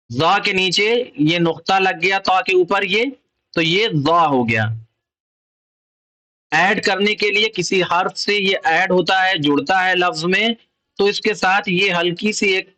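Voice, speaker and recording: A man's voice: high voice, bright, forceful tone, poor audio. A man with an Urdu accent teaching children the Arabic letters, explaining patiently and repeating each letter and its sound. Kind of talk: slow explanatory lesson.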